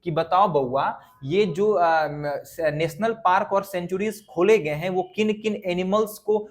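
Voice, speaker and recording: A man's voice: high voice, a little slow. A male teacher, giving an exam revision lesson and drilling students by repeating lists and quizzing them.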